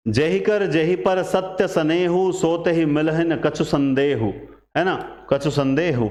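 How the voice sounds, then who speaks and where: A man's voice: on the high side, a little mellow. A man teaching a lesson, working step by step through examples and asking questions, then answering them himself. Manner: explains step by step, asks and answers own questions. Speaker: Hindi teacher. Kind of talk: classroom lecture. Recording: echoey room.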